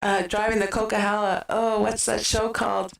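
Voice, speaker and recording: With a medium pitch, little pitch movement and some vocal fry, a woman streams games at a normal speaking speed. She has a western Canadian accent, being from British Columbia, and her chat is casual and giggly. The recording sounds roomy, as if the microphone is far away.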